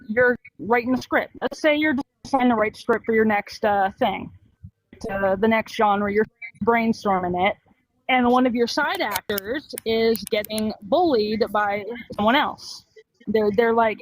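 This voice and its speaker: A woman's voice: on the high side, no room sound, poor audio. Pushy, rambling woman on a voice chat. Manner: pressing, rambling, confrontational. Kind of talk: casual voice chat confrontation.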